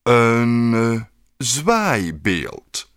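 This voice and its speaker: A man voicing a patient sculptor in a children's story, explaining things slowly. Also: mid-range voice, huge pitch swings, no room sound, clean studio sound, pitched above the performer's own voice. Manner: slow and explaining, drawn out. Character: patient, slow old sculptor.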